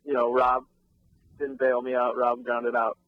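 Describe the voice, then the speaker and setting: A man's voice: medium pitch, completely flat delivery, no echo. Candid male guest on a dull lo-fi line. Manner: candid, self-critical, halting with fillers. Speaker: guest, team coach. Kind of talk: casual interview chat. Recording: dull lo-fi recording.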